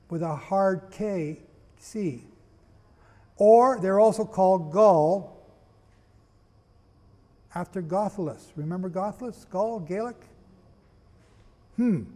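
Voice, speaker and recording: A man giving a sermon-style history lecture, firing rhetorical questions at his listeners, spelling out names and rushing to get through it. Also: high-pitched, warm tone, long reverb tail. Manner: asks the audience rhetorical questions; rushes, apologizes for talking fast. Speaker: preacher.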